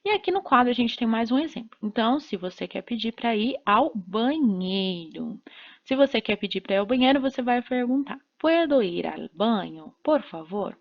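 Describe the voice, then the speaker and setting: A woman's voice: a little high, expressive, lo-fi sound. A woman teacher giving a recorded lesson, explaining step by step and often checking in with short tag questions. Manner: explains slowly, checks in with "né?" and "certo?".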